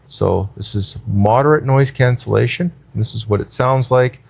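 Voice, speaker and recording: A man's voice: mid-range voice, normal speed, creaky, a little mellow, breathy edge. A man demoing gear, talking step by step through a wireless clip mic with noise cancellation and a voice filter on. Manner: plain, step-by-step explaining. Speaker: gear reviewer. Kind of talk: product demo talk. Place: room with air conditioner running. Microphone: wireless clip mic into phone.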